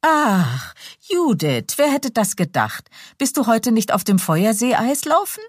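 A woman reader plays a cheerful young society lady who greets her friend with warmth. Her lines rise high and animated above the narration. The tone keeps a slight huskiness and sits on a dry, close recording. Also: unhurried, husky, no echo, full character voice.

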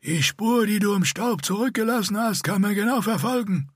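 A man voicing a young, scarred, one-eyed male warrior with a grating, raspy voice and a curt, threatening manner. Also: high-pitched, expressive, normal speed, no echo, studio quality, voice pushed up. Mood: cold.

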